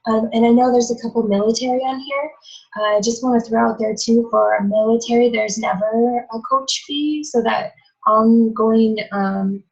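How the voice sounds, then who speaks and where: A woman coach presenting in a hesitant way on a webinar, her voice going hoarse. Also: a little high. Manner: hesitant, apologetic, laughs. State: losing her voice. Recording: dull lo-fi video call audio.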